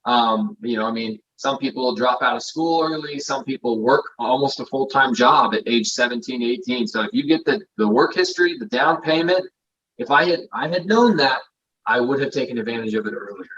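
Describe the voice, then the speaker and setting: A man's voice: mid-range voice, moderate pace, a bit bright, a little hiss or hum. A man in his thirties, a guest in a casual interview, explaining things confidently with lots of figures. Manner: confident, explanatory, numbers-focused. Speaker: guest investor. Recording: dull lo-fi audio.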